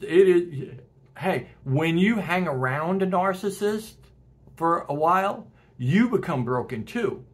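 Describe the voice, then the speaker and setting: In a room at home with plants and a porch window, a middle-aged man hosts a self-help video, speaking to camera in a casual, earnest way with short laughs between points. His pitch is fairly high and slightly breathy.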